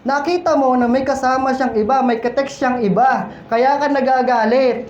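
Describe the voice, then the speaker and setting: A man's voice: very high voice, fairly even intonation, moderate pace. A man preaching a sermon in a conversational, playful way, often putting questions to the congregation. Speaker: pastor. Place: church hall. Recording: echoey church hall, dull sound, faint room noise.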